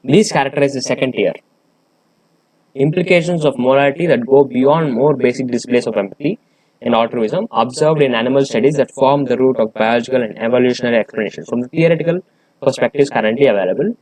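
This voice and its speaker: A man's voice: mid-range voice, brisk, a little mellow, no echo, poor audio. A man reading a research paper aloud and explaining it, hesitant, with many fillers and restarts.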